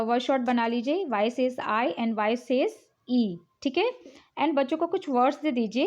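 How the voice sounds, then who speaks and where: A woman's voice: sits high, darkish tone. A woman teacher explaining English spelling rules patiently, mixing in English words and checking in often. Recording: dull, lo-fi recording.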